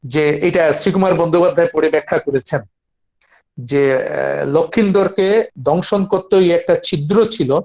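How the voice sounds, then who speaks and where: A man's voice: a little high, a little mellow. An older man with a Bengali accent giving an impassioned academic lecture on a webinar, asking rhetorical questions and reciting verses. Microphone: webinar video call.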